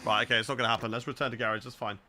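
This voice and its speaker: Speaking very fast with a sharp tone, this young British streamer keeps his mid-range voice fairly even in intonation. He chats casually, reacting aloud to a racing game and replying to viewers, while clear car engine noise from the game runs underneath.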